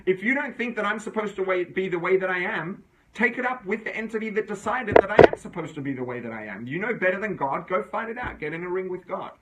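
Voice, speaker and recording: A man with a high-pitched, animated voice teaches an informal religious class as a Torah teacher, talking at a quick pace. He reasons aloud conversationally and often checks in with his listeners, with background noise present.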